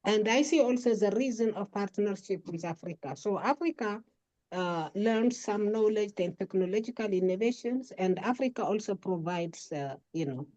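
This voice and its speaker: Mellow-voiced woman researcher on a call. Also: medium pitch, moderate pace, dull audio. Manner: hesitant, many fillers, explanatory. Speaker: researcher and plant breeder. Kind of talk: answering questions in a webinar. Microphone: video call.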